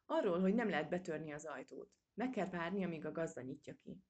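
A woman's voice: sits low, animated, a little mellow, highs cut off. A woman voicing a loyal young male mouse friend who speaks earnestly and matter-of-factly.

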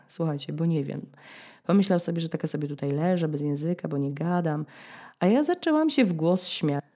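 A woman in her thirties from Poland hosting a podcast, telling a story in a dramatic, ironic way, with sudden high-pitched bursts as she acts out scenes. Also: expressive, normal speed, warm tone. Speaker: podcast host. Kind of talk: storytelling monologue.

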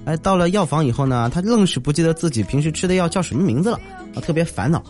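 A man hosting a show, telling comic anecdotes in a lively storytelling manner and mimicking the people in them. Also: fairly high pitch, fast talker. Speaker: host. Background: faint music.

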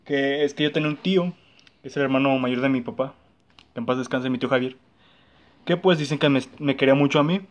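A man's voice: mid-range voice, fast. A young man with a Mexican accent telling a personal story in casual, slangy chat, full of fillers.

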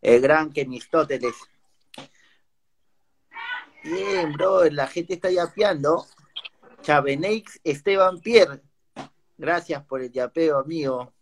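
A man's voice: a little high, takes it slowly, pauses often, slight background noise. A man with a Peruvian Spanish accent, joking and swearing in a casual slangy chat with his co-host. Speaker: livestream co-host.

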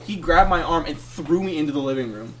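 A man's voice: fairly high pitch, a little fast, far from the mic. A man co-hosting a podcast, telling a story casually and laughing through it. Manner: animated, laughs through his own story. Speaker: podcast co-host.

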